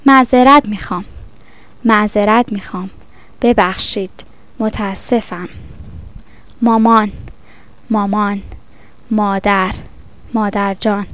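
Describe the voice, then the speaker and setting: A woman reading a vocabulary lesson, saying each word twice and then explaining it, in a measured, deliberate way. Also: mid-range voice, fairly even intonation, a bit bright. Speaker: vocabulary teacher.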